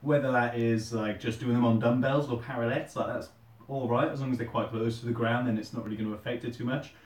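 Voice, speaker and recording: A man's voice: medium pitch, fairly even intonation, quick pace. A British man hosting a casual workout vlog, chatting informally while he does push-ups. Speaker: host of a fitness challenge video. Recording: roomy echo, distant microphone.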